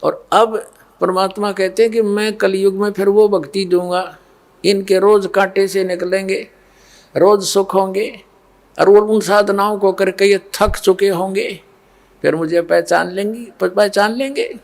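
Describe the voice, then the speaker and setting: A man preaches a devotional sermon in a high, gravelly voice. His pitch stays level and unvaried as he keeps up a steady cadence, addressing his listeners directly. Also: a little slow. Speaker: spiritual preacher.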